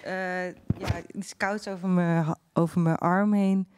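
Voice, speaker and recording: A woman hosts a stage conversation, feeling her way through questions with frequent pauses. Her voice is low and mellow, recorded dry and close. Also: steady tone, clean tone, no room sound. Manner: hesitant with many fillers. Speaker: interviewer. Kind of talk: stage interview.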